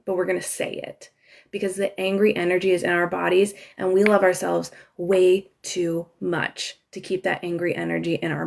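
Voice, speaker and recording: A woman coaching listeners through a guided emotional exercise on a live stream, giving slow, instructive directions with soft, breathy asides. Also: fairly low pitch. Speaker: healing coach.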